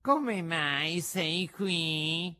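A man voicing a cunning, smooth-talking fox in a storybook reading, with a sly, drawn-out, mock-sorrowful manner. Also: a little high, sharp tone, voice pushed up, heavily acted.

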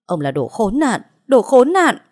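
A woman voicing a middle-aged mother who shouts accusations in anguish and fury in an audio story. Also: a little high, very animated, measured pace, voice pushed up. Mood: furious, anguished.

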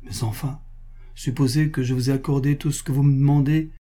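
A man's voice: mid-range voice, fairly even intonation, brisk, mellow, lightly acted. A man reading the part of an infatuated, vexed prince in an audiobook, with a plaintive, flustered delivery. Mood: pleading.

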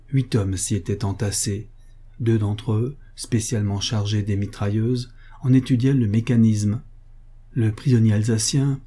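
A man reading an audiobook novel aloud in a steady, measured narration. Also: on the low side, breathy edge. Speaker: audiobook reader.

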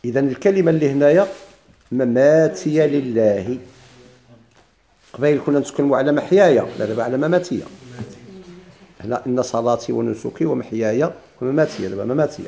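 A man with a Moroccan Arabic accent, teaching Quranic readings in a classroom lesson and chanting verses slowly. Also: medium pitch, gravelly, dark tone. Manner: explains in dialect, chants quoted verses slowly.

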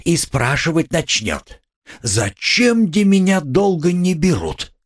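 A man's voice: a little high, big pitch swings, slow pace, pitched above the performer's own voice, full character voice. A man voicing a sly, fawning old-style investigator. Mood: sly insinuating. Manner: ingratiating, with old-fashioned polite endings. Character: sly fawning middle-aged male police investigator. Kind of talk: audiobook reading.

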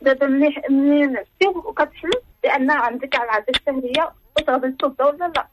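Moroccan female caller, rushed and very fast, distant staticky poor phone connection. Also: sits high. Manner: hurried, repeats her greeting. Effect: poor phone line, bad reception. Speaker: radio caller. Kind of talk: call-in question. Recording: noisy distant phone line.

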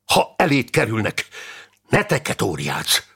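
A man's voice: on the low side, wildly swooping pitch, gravelly, pushed and bright, breathy edge, full character voice. A man voicing a brave, battle-hardened medieval knight who gives urgent commands in an audiobook. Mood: grim.

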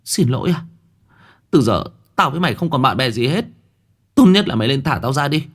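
A man voicing an angry young woman held captive who accuses and threatens her captor in a shrill voice. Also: big pitch swings, fairly quick, husky. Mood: defiant.

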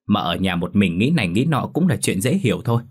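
A man's voice: fairly low pitch, very animated, fast talker, breathy edge. A man voicing a stern older village woman who scolds in a matter-of-fact way. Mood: scolding.

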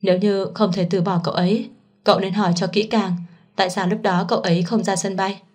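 A woman voicing a kind young man who comforts a friend in a soft, soothing voice, in a storybook reading. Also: medium pitch, little pitch movement, fairly quick, natural voice. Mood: gentle.

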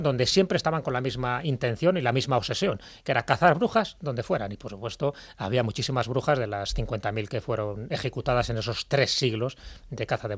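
A man's voice: mid-range voice, dry recording. A man speaking as an informal expert panellist on a podcast, discursive and emphatic in the way he explains. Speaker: panellist on a history and mysteries podcast.

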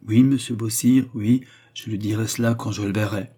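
Discreet calm manservant, read by a man, hushed, husky, low. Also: normal speed.

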